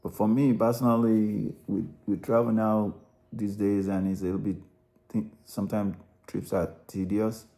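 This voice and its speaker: Low, mellow-voiced Nigerian man narrating. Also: little pitch movement, normal speed, creaky. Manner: rambling, self-correcting, repeats words. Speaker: narrator analysing a song. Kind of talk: unscripted spoken commentary.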